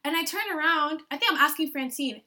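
Bright, high-voiced young woman guest. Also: a little fast. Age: young adult. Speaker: podcast guest. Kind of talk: casual chat.

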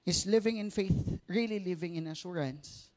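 A man's voice: high voice, moderate pace, darkish tone. A man with a Filipino accent preaching a sermon in mixed Tagalog and English, conversationally, often checking for agreement. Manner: switches between Tagalog and English; conversational, seeks agreement with rhetorical tag questions.

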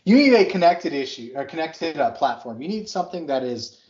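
A man co-hosting a podcast, chatting casually and enthusiastically about construction software, with plenty of fillers. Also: on the high side, very animated, a little fast. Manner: rambling, filler-heavy, enthusiastic. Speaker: podcast co-host. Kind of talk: casual tech chat. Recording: slightly dull lo-fi audio.

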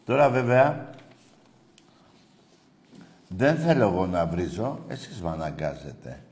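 A man hosting a rowdy football call-in show, swearing at callers and shouting in bursts. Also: deep voice, very animated, echoey room.

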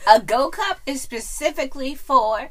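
A woman's voice: high-pitched, lively intonation, normal speed, a bit bright. A woman co-hosting a podcast in casual chat, playful and jokey, often laughing. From New Orleans. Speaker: podcast co-host.

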